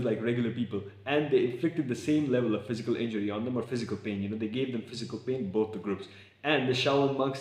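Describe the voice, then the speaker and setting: A young man vlogging in casual, excitable talk to camera, slangy and swearing. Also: mid-range voice. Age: young adult. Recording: echoey room.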